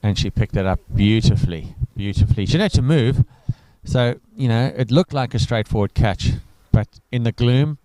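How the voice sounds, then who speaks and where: A man's voice: mid-range voice, moderate pace, few pauses, dark tone, no echo, rough recording. A man from Africa, giving chatty live cricket commentary full of enthusiastic asides. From South Africa.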